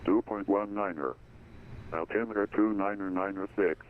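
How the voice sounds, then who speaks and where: A deep male voice plays as an automated airport weather broadcast, listing visibility, clouds and runways in a level, unhurried recitation. It comes through a thin, phone-like radio channel with the low end stripped away. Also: a little hiss or hum. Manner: flat, even reading of weather and runway data. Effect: automated airport weather broadcast over radio. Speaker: automated terminal information service. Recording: tinny lo-fi radio feed.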